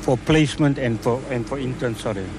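A man's voice: medium pitch, fairly quick. A man with a South African accent explains things courteously in a live radio interview, often repeating words for emphasis. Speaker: exhibitor, training authority representative. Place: outdoor event at a city square. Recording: clear outdoor urban background noise.

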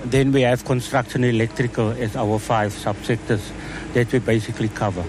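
A man's voice: medium pitch, little pitch movement, moderate pace. A man with a South African accent explains things courteously in a live radio interview, often repeating words for emphasis. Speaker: exhibitor, training authority representative. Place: outdoor event at a city square. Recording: clear outdoor urban background noise.

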